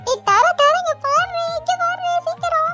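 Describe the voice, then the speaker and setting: A woman voicing an excitable, squealing younger sister. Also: very high voice, a little fast, muffled recording, soft background music. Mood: excited. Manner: excited, shouting.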